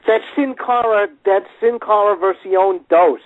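A man with a slightly high voice talks slowly and rambles, stumbling through restarts as he hunts for words. His audio is narrow and tinny, like a phone call. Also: no echo. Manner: rambling, hesitant, lots of restarts. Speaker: podcast co-host. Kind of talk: casual chat.

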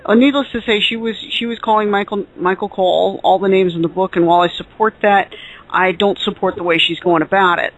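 A man co-hosting a casual podcast chat, giving measured, opinionated takes. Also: high-pitched, steady tone, a bit bright. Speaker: podcast co-host. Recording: muffled lo-fi audio.

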